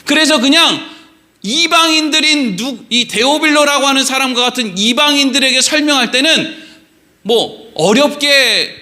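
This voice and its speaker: A middle-aged man preaching a sermon in a church sanctuary, speaking conversationally with rhetorical questions and reading scripture slowly. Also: very high-pitched, lively intonation, pushed and bright. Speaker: pastor. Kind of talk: Wednesday evening sermon.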